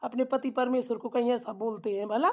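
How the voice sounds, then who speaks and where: Cartoon role: a woman as a henpecked young husband, complaining and placating, a bit high. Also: fairly even intonation, brisk, heavy background noise, natural voice. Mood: grumbling. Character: put-upon young husband, meek and grumbling. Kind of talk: cartoon voice acting.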